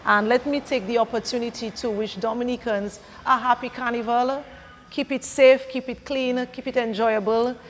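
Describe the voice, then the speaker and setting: A woman's voice: on the high side, steady tone, moderate pace. A woman hosting a live pageant interview and addressing viewers. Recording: reverberant hall, faint background noise.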